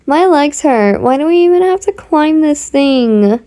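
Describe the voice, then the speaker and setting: A woman's voice: sits high, animated, measured pace, mellow, pitched above the performer's own voice. Woman reading as a whiny, teasing boy. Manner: playful, whining.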